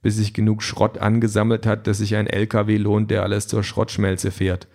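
Man as a deadpan junk shop owner. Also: lowish voice, moderate pace, lightly acted. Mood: matter-of-fact. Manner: dry, deadpan. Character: dry, unflappable male junk shop owner.

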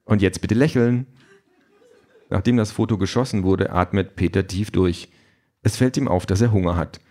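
A man reading an audiobook in a steady, dry storytelling manner. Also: low-pitched, a little fast. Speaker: audiobook narrator. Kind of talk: scripted narration.

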